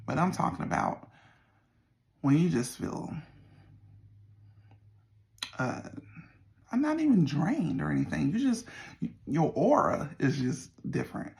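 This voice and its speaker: A middle-aged person with a Southern US accent and a creaky voice, chatting casually to viewers in a folksy, meandering way. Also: mid-range voice, big pitch swings, unhurried, long pauses, darkish tone. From Southern United States. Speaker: vlogger. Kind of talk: casual rambling check-in to viewers.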